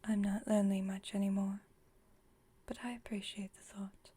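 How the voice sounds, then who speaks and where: Her mid-range voice barely moves in pitch as she voices a cool, wry vampire friend who quietly cares. It is a soft, breathy ASMR roleplay monologue, dry and teasing without hurry, and the mood is wry yet gently comforting.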